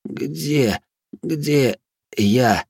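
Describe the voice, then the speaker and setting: Man doing a rasping, terrified prisoner. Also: mid-range voice, drawn-out words, a little mellow, no echo, studio quality, voice pushed up, exaggerated voice. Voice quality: hoarse rasp.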